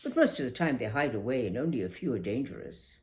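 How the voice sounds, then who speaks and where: In a memoir reading, an older woman gives voice to a confident, outspoken young Indian schoolgirl, speaking briskly and emphatically. Her pitch is extremely low, her tone darkish, and her delivery very animated.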